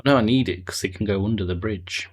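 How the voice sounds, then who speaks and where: Talking fast in a fairly low voice, a man chats with viewers while streaming a building game, with slight noise in the background. His talk is loose and meandering as he thinks out loud, drifts off mid-thought, and replies to chat.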